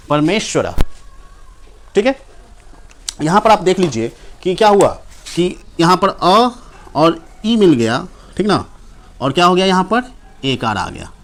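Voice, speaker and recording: A male teacher explaining Hindi grammar step by step in a classroom lesson, often asking a question and then answering it himself. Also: sits high. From Bihar, India. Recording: echoey room, mic at a distance.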